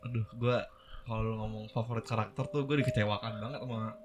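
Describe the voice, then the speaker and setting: Man, rapid grumbling co-host, noisy recording. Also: on the low side, steady tone. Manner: quick, grumbling banter. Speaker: podcast co-host. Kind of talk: casual chat. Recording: noisy background.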